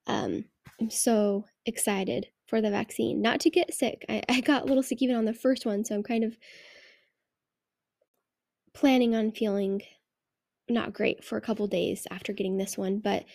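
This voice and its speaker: A woman with a cold chats to her listeners from under a blanket on her bed, her voice a little nasal and fairly high. She rambles casually with fillers and small laughs. The blanket leaves the sound mellow and completely dry, with no room around it. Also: no room sound. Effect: recorded under a giant blanket. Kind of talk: casual solo podcast chat.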